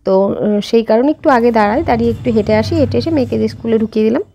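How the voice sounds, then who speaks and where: A woman's voice: a little high, very fast, mellow, a little hiss or hum. A woman in her thirties speaking Bengali with a slight rural lilt, chatting casually to her viewers as she goes about her daily routine. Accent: Bengali with a slight rural Jessore-Khulna lilt. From India. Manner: chatty, addresses viewers directly, frequent fillers. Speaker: vlogger. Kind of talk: casual vlog narration. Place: home and outdoors while running errands.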